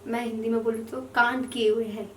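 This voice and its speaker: A woman's voice: a little high, flat delivery, brisk, slight background noise. A young woman, a podcast guest, telling childhood stories casually and laughing often. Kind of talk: casual storytelling. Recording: echoey room, mic at a distance.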